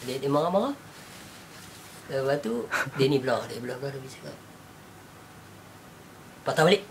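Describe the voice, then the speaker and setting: Animated storytelling man with a Northern Malaysian accent. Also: mid-range voice, normal speed, slight background noise. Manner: animated storyteller, acts out quotes, laughs often. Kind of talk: casual storytelling chat.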